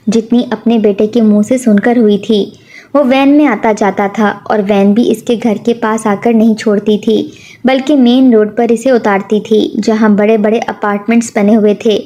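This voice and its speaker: Mellow woman telling an emotional story. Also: fairly high pitch. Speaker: narrator. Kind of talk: storybook narration.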